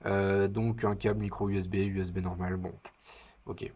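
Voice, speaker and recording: A man's voice: sits low, flat delivery, moderate pace, a little mellow, dull audio. A man giving casual unboxing commentary in his living room, chatty and hesitant with wry asides. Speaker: product reviewer.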